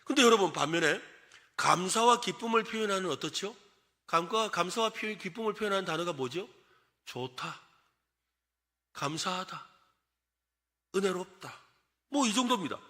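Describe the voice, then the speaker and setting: Bright, animated Korean pastor preaching. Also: male voice, high-pitched, normal speed, pauses often. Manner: lively and animated, acts out complaining voices and asks the congregation questions. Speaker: senior pastor. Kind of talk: sermon.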